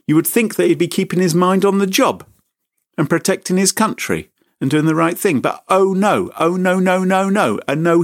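A man hosts a chat show as a podcast host, recounting a comic story with theatrical, mock-indignant outrage and sweeping pitch.

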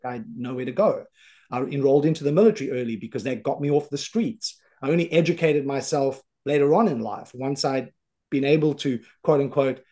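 A South African-accented man hosting a podcast, candid and thoughtful in conversation. His tone is mellow and warm. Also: medium pitch. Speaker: podcast host.

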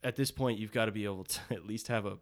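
A man co-hosting a casual chat, animated and laughing often as he retells scenes. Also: on the low side, fast talker. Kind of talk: casual chat about a dating show.

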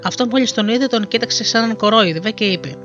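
A storyteller reading a fairy tale aloud with lively delivery, on a dull lo-fi recording with faint music behind. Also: medium pitch.

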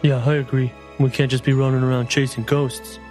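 A man's voice: mid-range voice, little pitch movement, a little fast, a little mellow, soft background music. A man chatting casually as a player in a tabletop game.

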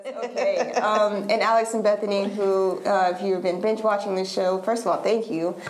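A woman hosting a podcast, introducing the show and her guest with friendly, softly hesitant phrasing. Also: mid-range voice, little pitch movement, normal speed, slight background noise. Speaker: podcast host.

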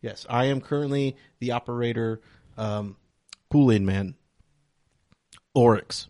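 A man's voice: mid-range voice, a little slow, warm tone. A man co-hosting a casual podcast, eagerly walking his friends through a game clip. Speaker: podcast co-host. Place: studio table, streamed live.

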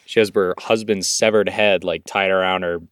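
A man's voice: low voice, fairly even intonation, normal speed, fairly bright tone, clean tone, no echo, clean studio sound. A young man co-hosting a gaming podcast in casual banter, swearing and joking as he goes. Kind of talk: casual banter and game chat.

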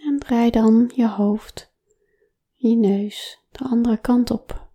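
A woman talks softly and calmly, slipping into a whisper for much of the exercise. Her tone is very dark and mellow, and she unhurriedly leads listeners through gentle body-awareness instructions. Her words come at a very slow, measured pace. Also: fairly high pitch, breathy edge. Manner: soft, calm, often whispering. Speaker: relaxation guide.

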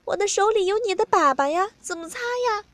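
A woman voicing a young woman lover with a high, breathy pleading voice that breaks into sobs. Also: expressive, brisk, a bit bright, dry recording. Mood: tearful protest.

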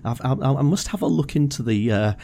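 A man's voice: medium pitch, expressive, a little fast, vocal fry, mellow, a little hiss or hum. A man hosting a podcast, introducing the show and interviewing a guest. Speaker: podcast host, marketing consultant.

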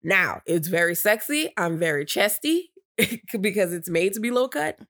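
A woman co-hosts a casual podcast chat in a mid-range voice at a normal speed, recorded in studio quality with no room sound. She tells a story with a stuffy nose, catching her breath between rambling sentences. She's chatty and downplays her excitement, often restarting her thoughts.

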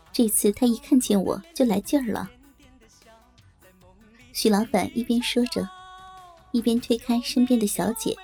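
A woman telling a story in the first person, in a colloquial, brisk storytelling manner. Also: fairly high pitch, vocal fry, mellow. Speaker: narrator.

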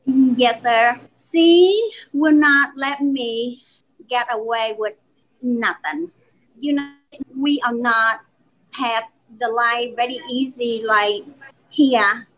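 A woman's voice: fairly high pitch, slow pace, a bit bright, low-quality recording. A woman in her forties from Vietnam with a Vietnamese accent, a restaurant owner talking earnestly in a podcast interview and often restarting her sentences. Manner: earnest storytelling with frequent restarts.

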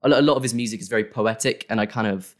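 A man's voice: lowish voice, rapid-fire. A young man talking casually as an interview guest, rambling with lots of fillers and restarts. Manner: rambling, many fillers and self-corrections. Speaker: guest creator.

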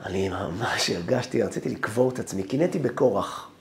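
A man's voice: lowish voice, expressive, background noise. A man, a rabbi, telling a first-person story as part of a sermon.

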